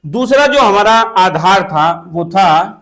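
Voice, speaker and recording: Male exam-coaching teacher, high voice, repetitive question-and-answer drilling, steady classroom delivery. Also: slow pace. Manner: repetitive, asks questions and answers them himself, often checks with "theek hai na". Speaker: Hindi grammar teacher. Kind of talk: exam-prep classroom lesson.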